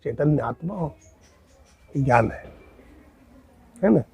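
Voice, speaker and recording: A man's voice: on the high side, animated, takes it slowly, creaky, dark tone. A man preaching a sermon as a spiritual teacher, telling a story and asking rhetorical questions. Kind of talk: Hindi sermon with acted dialogue.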